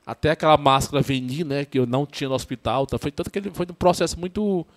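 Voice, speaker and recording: Chatty priest with a northeastern Brazilian accent. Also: male voice, a little high. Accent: northeastern Brazilian (Ceará). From Ceará, northeastern Brazil. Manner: halting and repetitive, tags "né?" often, restarts. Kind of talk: casual podcast interview storytelling.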